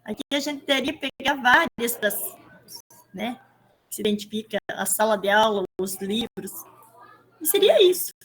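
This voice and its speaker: Lively higher-voiced Brazilian teacher. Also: female voice, normal speed, husky, low-quality recording. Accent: Brazilian Portuguese. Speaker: teacher introducing herself. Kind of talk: online class introduction.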